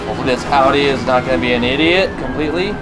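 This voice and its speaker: A man giving casual, easygoing commentary while he plays a racing game, thinking aloud in a halting way. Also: medium pitch. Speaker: sim racing streamer. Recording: loud steady car engine noise. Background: racing game car sounds.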